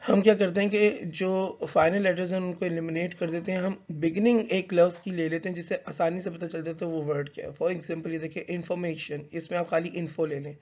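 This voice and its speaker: Man, lecture-style teacher, pitch a touch high, dull lo-fi recording, stops to correct himself. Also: little pitch movement, darkish tone. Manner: reads English slowly, then explains in conversational Hindi mixed with English; hesitant, with fillers and self-corrections. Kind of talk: explanatory lecture.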